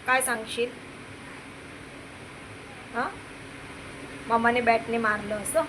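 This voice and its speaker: A woman's voice: fairly high pitch, steady tone, takes it slowly, background noise. A young woman vlogging outdoors at night on a handheld phone, chatting to viewers and coaxing and scolding her small child. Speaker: vlogger and mother. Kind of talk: casual vlog talk to viewers and her child. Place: outdoors on city streets at night.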